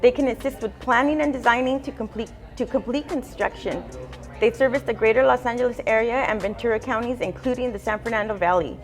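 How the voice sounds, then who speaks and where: A woman's voice: on the high side, quick pace. A woman reading scripted sponsor announcements as a podcast ad narrator. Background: music.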